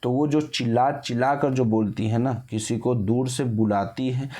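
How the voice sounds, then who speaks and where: In an exam-prep class, a man speaks at a medium pitch, repeatedly posing questions and then answering them himself. He draws vowels out slowly to demonstrate their length. His intonation stays fairly even, and his voice is mellow.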